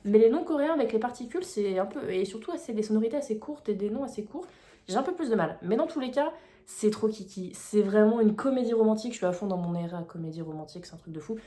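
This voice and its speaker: Fast-talking young woman vlogging. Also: mid-range voice, lively intonation, warm tone. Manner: chatty, enthusiastic, slangy. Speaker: book vlogger. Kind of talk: casual vlog chat. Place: home, indoors. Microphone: phone mic. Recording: echoey room on phone mic.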